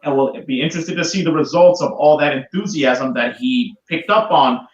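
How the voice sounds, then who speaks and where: A man's voice: on the high side, moderate pace. A man calling in to a podcast over a poor remote microphone that makes him sound like he is talking through a tin can, easygoing and joking, shifting into mock news-anchor commentary. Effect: tinny tin-can sound from a poor remote microphone. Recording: echoey, dull lo-fi remote mic.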